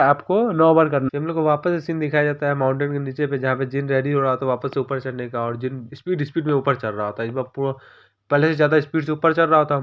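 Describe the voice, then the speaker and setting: A man narrating a story recap in a rapid, informal retelling. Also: fairly high pitch, highs cut off.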